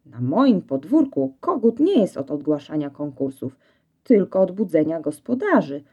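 A woman's voice: lowish voice, very animated, dark tone, breathy edge, muffled recording. A woman voicing a proud, haughty male farm dog in a storybook, talking down to others with superiority. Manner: superior, lofty and slow.

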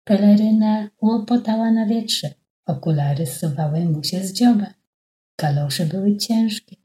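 A woman's voice: mid-range voice, a little slow, dark tone. A woman reading a children's story aloud in a rhythmic, rhyming way, in an echoey room.

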